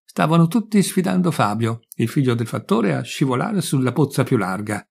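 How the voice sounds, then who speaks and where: Gravelly male storyteller, measured. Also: medium pitch, very animated, darkish tone. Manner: measured, deliberate reading. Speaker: audiobook reader. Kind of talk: scripted narration of a short story.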